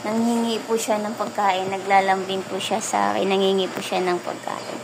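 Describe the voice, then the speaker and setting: A woman's voice: mid-range voice, level tone, moderate pace, gravelly. A woman with a Filipino accent chatting casually to viewers in a homemade vlog. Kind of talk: casual vlog chat about her pets. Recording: noisy room with mains hum.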